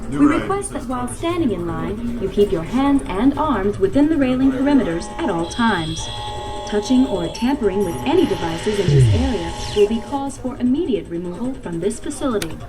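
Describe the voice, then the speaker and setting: An actress playing a formal corporate facility announcer, heard over a public address loudspeaker giving a scripted safety notice. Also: female voice, medium pitch. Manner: formal, measured, polite. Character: calm female corporate PA announcer.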